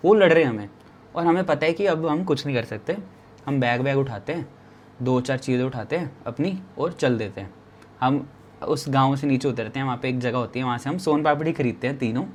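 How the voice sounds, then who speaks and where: A man in his twenties telling a travel story in a lively way. He repeats phrases for drama and speaks straight to the listener. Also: mid-range voice, slight background noise. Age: 20s. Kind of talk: animated personal storytelling.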